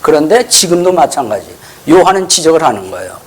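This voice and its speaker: A man's voice: on the high side, very animated, a little fast, husky. A man preaching a sermon in a church as pastor, often putting rhetorical questions to the congregation and acting out the scripture dialogue in changing voices.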